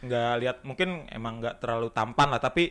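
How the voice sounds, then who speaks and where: A man's voice: medium pitch, steady tone, brisk, a bit bright, smooth. A man, a guest joking around in casual slang. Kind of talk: casual banter.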